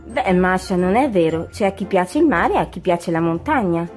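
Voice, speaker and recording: A woman playing a kind, patient grandmother who tells a fable and teaches gently. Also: lowish voice, animated, normal speed, soft background music, lightly acted. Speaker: storyteller. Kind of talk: web series doll sitcom acting.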